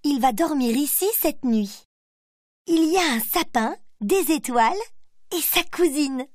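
A woman reads a children's picture-book story in short, gentle sentences. Her voice sits fairly high and moves slowly, recorded close and dry. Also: no room sound. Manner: simple, gentle storybook reading. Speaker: narrator. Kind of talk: scripted children's story narration.

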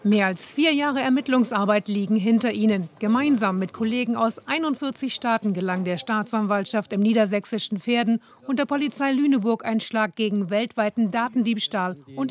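A woman's voice: medium pitch, normal speed. Woman reading a news report. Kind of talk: scripted news report voice-over.

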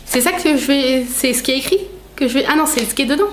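Speaking quickly in a high-sitting voice, a woman vlogger chats casually at home over gift opening, wandering through fillers and self-corrections with frequent laughter and playful teasing. There is slight background noise and a roomy echo.

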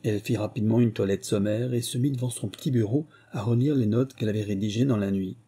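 Male audiobook reader, measured literary delivery, warm dark tone, slight husk. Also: fairly low pitch, fairly even intonation, breathy edge. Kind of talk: scripted narration.

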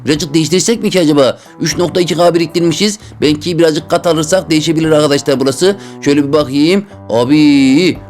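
A young man doing excitable gameplay commentary, talking to his viewers and yelping high when his character falls. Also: fast, few pauses, soft background music. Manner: talks to viewers. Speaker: gaming YouTuber.

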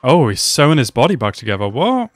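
A young man reacting to an anime episode at home, talking excitedly and exclaiming often. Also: medium pitch, a little fast, no echo, soft background music. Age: young adult. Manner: animated, exclaims and laughs often. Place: small room at home.

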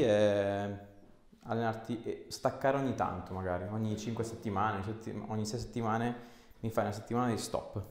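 In a small clinic treatment room, a chiropractor with a lowish, darkish voice coaxes a patient with short, encouraging instructions and casual explanation as he works hands-on. The room is echoey, with clear background noise.

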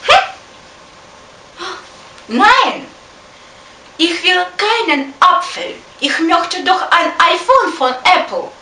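Very high and slow, a spoiled princess whimpers her complaints in German with a Ukrainian accent. The voice is heard from far off in an echoey room, with noise behind it. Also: very animated, pushed and bright, full character voice. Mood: whiny, sobbing. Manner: whiny, sobbing, slow. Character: spoiled, ever-weeping young princess. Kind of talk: school play acting.

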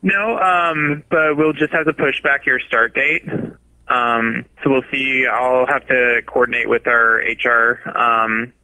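A man gives polite customer service as a store manager. His voice is very sharp and bright, coming dry over a phone speaker. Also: mid-range voice, slow pace, no room sound, rough recording.

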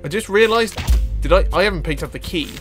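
A man with a high-pitched voice talks at a quick pace while hosting a gaming video. He keeps the commentary casual, jokey and self-mocking, exclaiming and chatting with the game's characters, all with music in the background.

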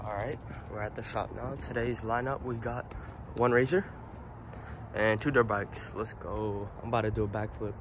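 A young man chatting casually for a vlog in slangy, excitable talk while out riding dirt bikes. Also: fairly low pitch, normal speed. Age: young adult. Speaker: vlogger and dirt bike rider. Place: outdoors, in vehicles and open desert. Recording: noisy outdoor recording, motorcycle engines. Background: dirt bike engine noise.

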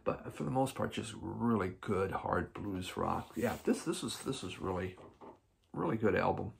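A man's voice: lowish voice, creaky, breathy edge. A man hosting a record collecting video, chatting casually and rambling with lots of fillers as he reviews albums. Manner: rambling, filler-heavy, enthusiastic about records. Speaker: record collector vlog host.

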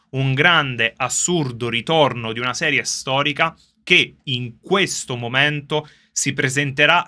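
A man chatting casually to his viewers on a livestream from a soundproofed underground gaming room, excitable and quick to laugh. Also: medium pitch. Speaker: streamer reacting live to a game reveal. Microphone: streaming setup with facecam.

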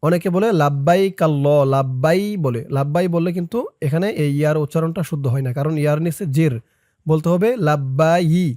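A man teaching recitation, explaining quickly and then chanting each word slowly, letter by letter. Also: fairly high pitch, warm tone, no room sound, studio quality. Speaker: Arabic pronunciation teacher. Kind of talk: recitation lesson, spelling out letters.

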